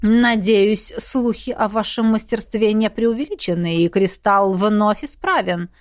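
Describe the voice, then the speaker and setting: A woman's voice: medium pitch, unhurried, no echo, studio quality, natural voice. A woman voicing a smug, scheming male fairy captain whose speech drips with sweet venom. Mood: smug sugary. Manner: sugary, hissing.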